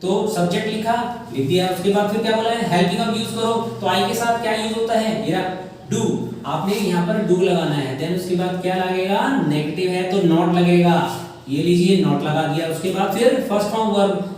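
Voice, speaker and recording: A man's voice: sits high, fairly even intonation, moderate pace, a little mellow. A male English grammar teacher, explaining rules step by step in a classroom-style lesson and calling his viewers children. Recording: very echoey room, far from mic, faint noise.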